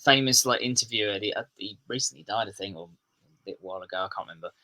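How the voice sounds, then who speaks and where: This metal musician, a podcast guest from southeast England, talks fast in a fairly low, pushed and bright voice over poor audio. His English-accented chat is casual and rambling, full of self-deprecation and restarted sentences.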